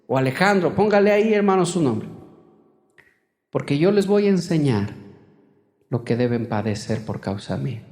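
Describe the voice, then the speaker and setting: A man preaching a sermon as a pastor, calling out questions to his congregation and rising to loud, emphatic stretches. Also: fairly high pitch, lively intonation, normal speed, long pauses. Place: church hall. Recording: echoey church hall with long reverb.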